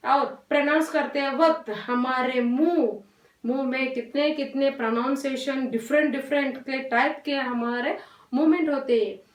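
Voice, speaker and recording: A woman teacher, slowly and patiently explaining vowel signs to young children, often repeating herself and mixing English words into her Hindi. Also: high voice, steady tone. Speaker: primary school teacher. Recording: roomy echo, voice from a distance.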